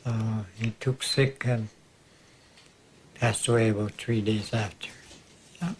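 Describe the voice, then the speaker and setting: A man being interviewed, recalling a sighting in plain, halting phrases with nonstandard grammar. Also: on the low side, steady tone, slight background noise. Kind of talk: casual spoken recollection.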